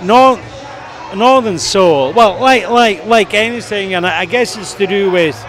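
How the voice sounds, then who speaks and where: A man's voice: high voice, measured pace, fairly bright tone. A man in his forties working as an interviewer, chatting casually on location. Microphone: handheld shotgun microphone. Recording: busy bar crowd noise behind.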